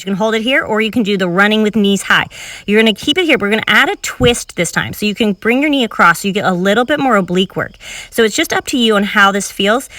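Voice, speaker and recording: Female fitness instructor, bright and forceful, slightly winded, counting reps mid-workout, dry sound a little off-mic. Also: medium pitch, no echo, recorded from a distance. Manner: encouraging, counts reps aloud while moving. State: slightly out of breath. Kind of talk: cueing a home cardio workout while exercising. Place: filmed outdoors in public.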